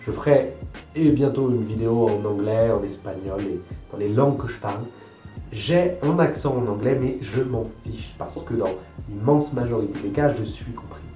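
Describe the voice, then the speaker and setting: A young man from France explains pronunciation to his viewers in a didactic, emphatic way, hammering points home by repeating them. His voice is mellow and relaxed. It is recorded in a roomy, echoey space with soft guitar music underneath. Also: lowish voice, normal speed. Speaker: language coach. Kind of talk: talking-head language advice video.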